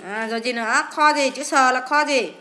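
A woman English teacher with a Vietnamese accent, going through exam answers in a lively, coaxing way, asking questions and answering them herself. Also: sits high, a little fast. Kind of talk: classroom-style lesson explaining an exam.

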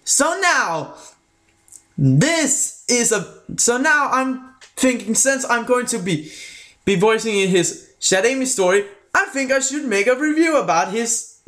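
Slow, high-voiced man reviewing casually. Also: fairly bright tone. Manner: halting, restarts sentences often; mixes American and British sounds. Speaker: video reviewer. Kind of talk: casual spoken video review.

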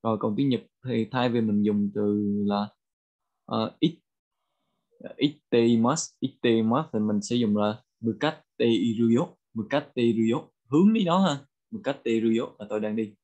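Vietnamese man teaching phrases, repeating slowly. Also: medium pitch, darkish tone, muffled recording. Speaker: language teacher. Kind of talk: bilingual vocabulary lesson.

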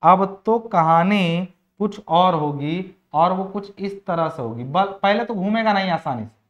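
A man's voice: high voice, animated, measured pace. A man teaching engineering in a chatty classroom lecture. He repeats phrases, asks his students questions and slips English technical terms into his sentences. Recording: dull lo-fi recording.

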